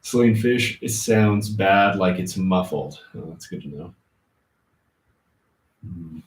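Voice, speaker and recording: A man hosting a casual livestream, answering chat comments informally and thinking aloud in a halting way. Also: sits low, lively intonation. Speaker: livestream host. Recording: roomy, muffled, distant laptop-like mic.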